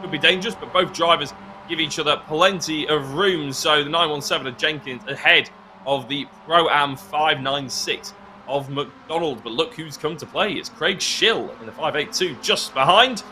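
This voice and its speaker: A man giving excited live race commentary as lead commentator, his voice going hoarse and breaking into shouts at overtakes. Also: fairly high pitch, moderate pace, a little hiss or hum. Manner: excitable, builds to shouts at passes.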